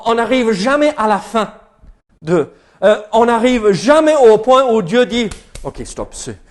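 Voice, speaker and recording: A man with an English-speaking accent preaches a church sermon with a rather high voice. He speaks slowly, with frequent hesitations, and jokes and chats with the people in the congregation. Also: darkish tone. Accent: English-speaking accent in French. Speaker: pastor. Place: church service.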